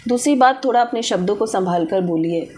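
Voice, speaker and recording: A woman's voice: medium pitch, brisk, darkish tone, slight background noise. A woman reading tarot for viewers, giving direct advice and mixing English words into Hindi. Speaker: tarot reader.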